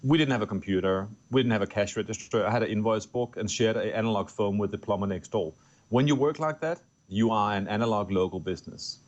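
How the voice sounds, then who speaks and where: Talking fast in a voice on the low side and a little mellow, the Danish-accented tech executive, middle-aged and from Denmark, responds earnestly to interview questions. He repeatedly restarts his phrases and repeats words, and the recording sounds dull.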